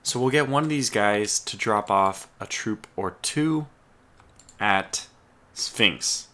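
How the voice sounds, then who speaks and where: Taking it slowly, a man with a fairly low pitch and sharp tone talks to himself while playing a strategy game, keyboard typing behind him. His voice is wearing out and he clears his throat as he comments casually.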